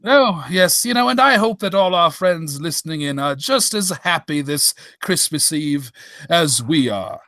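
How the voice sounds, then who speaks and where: A man acts out a befuddled, sentimental old doctor in a comic radio play. The voice is high and bright, close and dry, and rambles slowly with flustered hesitations. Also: expressive, no echo. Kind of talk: old-time radio comedy acting.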